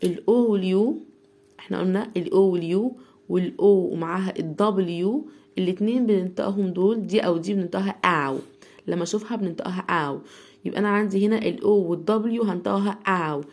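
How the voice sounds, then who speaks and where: Egyptian lady teaching kids english phonics, says every word slowly over and over. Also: mid-range voice, darkish tone. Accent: Egyptian Arabic. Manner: sounds out words slowly, repeats each several times. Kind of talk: phonics lesson for young children.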